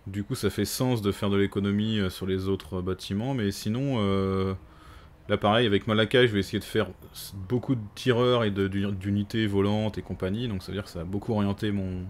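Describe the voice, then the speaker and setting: A man's voice: fairly low pitch, fairly even intonation, a little fast. A man giving casual co-op strategy game commentary, muttering through menus as he thinks aloud. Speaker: gaming streamer.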